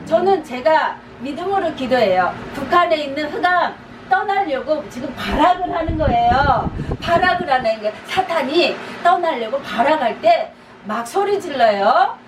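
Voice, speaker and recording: A woman pastor preaches in a chatty teaching style, circling back to the same urgent calls with small laughs. Her voice sits high and swings widely in pitch. It reaches the mic from a distance in a reverberant room, with steady background noise. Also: normal speed. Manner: repetitive, urging exhortations with light laughs. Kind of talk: conversational teaching sermon. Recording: echoey, distant, noisy room.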